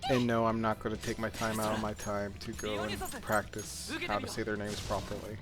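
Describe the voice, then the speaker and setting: A man's voice: on the low side, monotone, fairly quick. A man giving casual, rambling, self-deprecating gameplay commentary as he plays, in the manner of a gaming video creator. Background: game music, mouse clicks.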